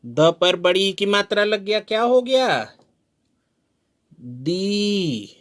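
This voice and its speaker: A man teaching a spoken lesson, sounding out syllables slowly and drawing them out, asking the learner questions as he goes. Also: high-pitched, lively intonation, a bit bright. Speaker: Hindi teacher. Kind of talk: slow spoken lesson at a board.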